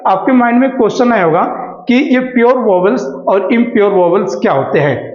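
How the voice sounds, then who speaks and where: A man with a high voice teaches a beginners' pronunciation class. He keeps asking questions and answering them himself, and he stretches out example words. The room is echoey, and the recording sounds dull and lo-fi. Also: a little mellow. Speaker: English teacher. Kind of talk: classroom-style lesson explaining pronunciation.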